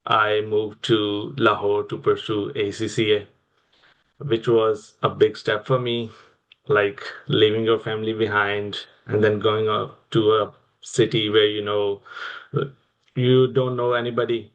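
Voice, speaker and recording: A man's voice: on the low side, level tone, measured pace. A young man with a Pakistani accent, telling his personal story as an interview guest. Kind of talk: personal career storytelling in conversation.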